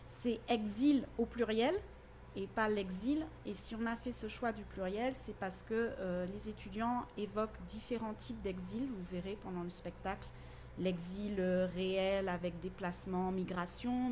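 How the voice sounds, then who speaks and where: A woman literature teacher, a guest in an interview, explaining her class's work in an articulate, measured way. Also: mid-range voice, a little mellow, slight background noise.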